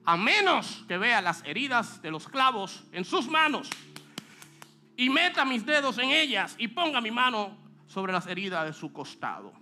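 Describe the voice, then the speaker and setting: Man doing a doubting apostle, scornful, insistent, bright high voice. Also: sing-song, normal speed, pauses often, soft background music. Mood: skeptical.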